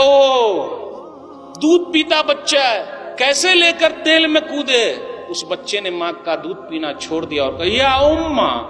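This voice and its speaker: A man giving an impassioned sermon to a congregation, questioning the audience and swinging between loud and soft. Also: extremely high pitch, long reverb tail. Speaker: preacher. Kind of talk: Urdu sermon to a live congregation.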